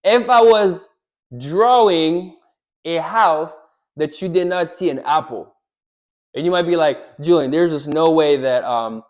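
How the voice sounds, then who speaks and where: A man giving relationship advice straight to the camera, animated, often checking in with "right?" and acting out what a wife might say. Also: fairly high pitch, a little slow. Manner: animated, repeats "right?", acts out quoted lines. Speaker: relationship coach. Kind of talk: direct-to-camera advice talk.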